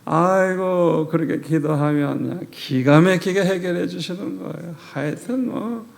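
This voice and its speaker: A man's voice: sits high, unhurried, gravelly. An older man preaching a revival sermon as a pastor, telling stories with animation and acting out prayers and quoted dialogue.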